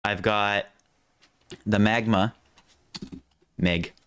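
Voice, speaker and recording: A man hosting a live stream, chatting casually and thinking aloud, his voice going hoarse. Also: fairly low pitch, fairly even intonation, very slow, fairly bright tone. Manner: rambling, restarts often, thinks aloud. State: losing his voice.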